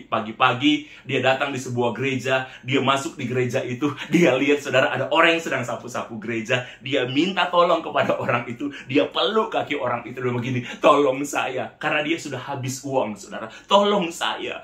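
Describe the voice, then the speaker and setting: A male pastor delivers a storytelling sermon at a middle pitch, calling out to his listeners over and over and putting on the voices of the people in his story. His words ring around an echoey room. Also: a bit bright. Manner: addresses the congregation as "saudara" repeatedly, acts out quoted voices.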